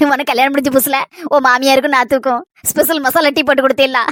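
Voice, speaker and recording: A woman voicing a high, teasing village neighbor. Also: little pitch movement, fast, a bit bright, no room sound, studio quality. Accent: Kanyakumari Tamil.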